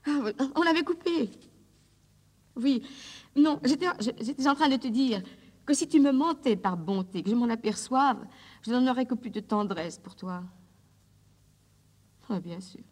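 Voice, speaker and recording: A woman's voice: a little high, measured pace, long pauses, darkish tone, big-room sound. An actress playing a desperate, fragile woman who pleads on the telephone with the lover who is leaving her, in a 1950s recorded drama monologue. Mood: pleading. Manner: intimate, pleading, emotionally fragile.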